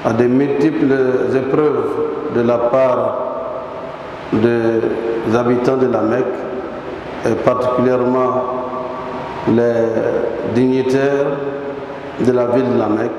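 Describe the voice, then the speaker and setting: A middle-aged man with a West African French accent giving a Friday sermon at a mosque pulpit, slow and measured, stretching his phrases and weaving in Arabic formulas. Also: medium pitch, flat delivery, highs cut off, background noise. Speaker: imam. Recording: echoey mosque hall with long reverb.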